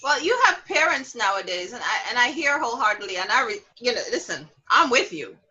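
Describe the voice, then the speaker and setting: Animated, bright-voiced woman host. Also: a little fast, husky, highs cut off. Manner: animated storyteller, acts out quotes with big pitch jumps, laughs often. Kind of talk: casual talk show discussion.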